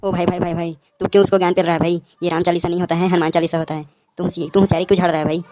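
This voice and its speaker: A man's voice: high-pitched, level tone, racing, mellow, no room sound. A man giving a mocking, comic voice-over commentary on a cartoon as the channel host. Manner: mocking, roasting.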